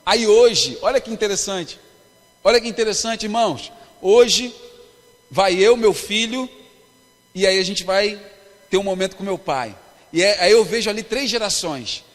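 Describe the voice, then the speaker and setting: Brazilian male pastor, high-pitched, emphatic sermon storytelling, echoing church hall. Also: moderate pace. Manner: storytelling, emphatic, calls the congregation "irmãos". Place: church hall at a youth congress. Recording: long reverb of a church hall.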